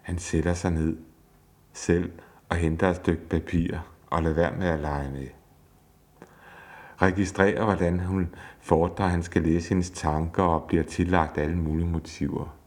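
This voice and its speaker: A man with a very deep voice reads a self-help text on couples and conflict aloud. His delivery is measured and explanatory. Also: flat delivery, darkish tone.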